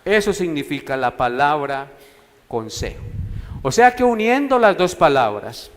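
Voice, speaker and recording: A man, preaching a sermon as pastor in a slow, deliberate way, repeating key words for emphasis. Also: a little high, sing-song, long reverb tail. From Colombia. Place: church sanctuary.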